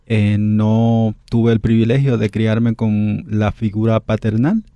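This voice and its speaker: A man's voice: on the low side, level tone, takes it slowly, mellow, smooth, dry recording. A middle-aged man from the Republic, a radio guest telling memories in a thoughtful, hesitant way with many fillers. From Dominican Republic. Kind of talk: reflective interview storytelling.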